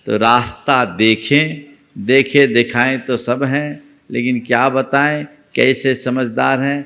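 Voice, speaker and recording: A male monk preaching a sermon, emphatic and exhorting, rising to forceful peaks. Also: mid-range voice, fairly even intonation, takes it slowly, gravelly.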